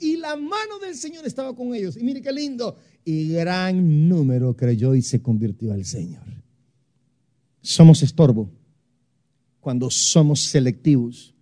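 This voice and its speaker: A man preaching a sermon, emphatic, with big swings in pitch and loudness as he stresses points. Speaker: pastor.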